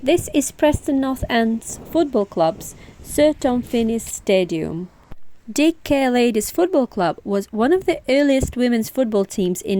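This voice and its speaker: A woman's voice: on the high side, darkish tone. A woman vlogger giving scripted, informative travel narration. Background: music.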